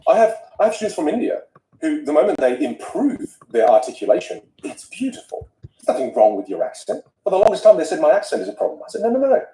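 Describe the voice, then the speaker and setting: A man with an Australian accent, a guest speech coach whose first language is Vietnamese, talking in an animated, emphatic way. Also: mid-range voice. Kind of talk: casual conversation. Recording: roomy echo.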